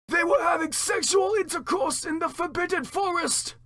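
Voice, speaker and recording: A man voicing an outraged old wizard headmaster, bellowing drawn-out words in a dramatic story reading. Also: extremely high pitch, pushed and bright, pitched above the performer's own voice. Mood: furious.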